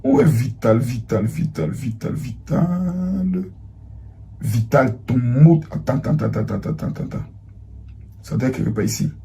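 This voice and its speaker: A man giving an impassioned, accusatory monologue, swinging between loud outbursts and hushed lines. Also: mid-range voice, lively intonation, normal speed. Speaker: public figure answering a former protégée.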